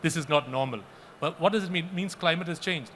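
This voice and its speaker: Earnest man, halting panel remarks. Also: fairly high pitch, a bit bright, slight background noise. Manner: earnest, repeats himself often, halting restarts.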